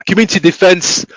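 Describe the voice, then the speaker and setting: A man giving an academic talk, speaking haltingly with many restarts and fillers. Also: sits high, fairly bright tone, no room sound, rough recording. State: voice failing, coughing. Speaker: academic researcher presenting.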